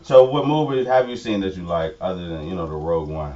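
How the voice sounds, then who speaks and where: A man's voice: sits low, lively intonation, fast, mellow. A man co-hosting a casual podcast chat, jokey and laughing a lot. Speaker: podcast co-host. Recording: distant lo-fi mic with faint noise.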